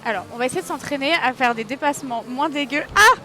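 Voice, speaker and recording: With racing game engines humming behind her, a high-voiced woman talks fast while streaming. She's excitable, chats to her audience as live commentary, and yelps and jokes at her own expense when she messes up.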